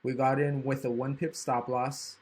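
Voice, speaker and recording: A trading educator with hiccups casually goes over charts on screen, thinking aloud and repeatedly saying "right?". His voice is medium in pitch, a little mellow, and fairly flat, delivered at a moderate pace.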